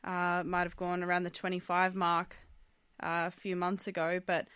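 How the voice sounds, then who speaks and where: A woman's voice: lowish voice, monotone, moderate pace, a bit bright, clear, resonant tone, dry recording. A woman with an Australian accent discussing racing as a co-host on sports radio.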